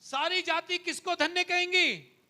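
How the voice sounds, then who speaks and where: A man with an Indian accent preaching a sermon to his church, dropping to hushed asides and then rising to loud calls, repeating phrases to the congregation. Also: very high voice, fairly even intonation, a little slow. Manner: swings between hushed asides and loud exhortations. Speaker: pastor. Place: church hall.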